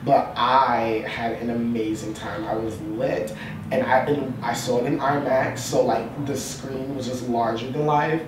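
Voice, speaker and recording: A man's voice: medium pitch, fairly even intonation, measured pace. A young man talks in casual slang and repeats himself as he goes. He comes across as a podcast co-host, recorded at a distance in a noisy, heavily reverberant room. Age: young adult. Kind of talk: casual chat. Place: echoey room called a studio.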